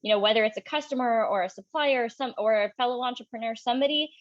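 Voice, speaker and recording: A woman's voice: a little high, fast talker, dry recording, lo-fi sound. A young adult woman moderating an interview, supportive and rambling with many fillers. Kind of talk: casual conversational interview.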